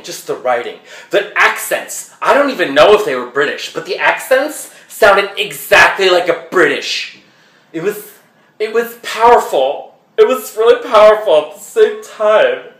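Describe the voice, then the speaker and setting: A man's voice: high-pitched, fairly bright tone. A man playing a flamboyant male Broadway fan who rambles and keeps getting sidetracked, peppering his talk with fillers in a comedic monologue. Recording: roomy echo.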